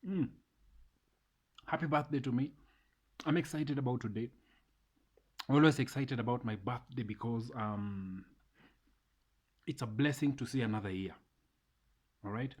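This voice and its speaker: A man, talking casually and warmly to viewers in a motivational vlog, repeating phrases for emphasis. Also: mid-range voice, slightly rough. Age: 30s. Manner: repeats phrases, mixes in Swahili. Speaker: vlogger.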